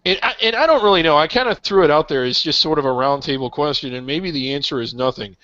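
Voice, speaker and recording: A man with a bright, fairly high voice leads a roundtable sports discussion, rambling and restarting as he thinks aloud. The sound is dry and a little muffled, with a lo-fi edge. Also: quick pace, no echo.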